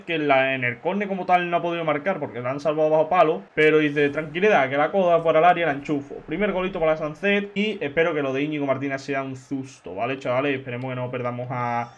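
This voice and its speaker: Excitable young gamer. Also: male voice, on the high side. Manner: excitable, shouts at big chances, chatty with viewers. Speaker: gaming YouTuber. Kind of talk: let's-play commentary.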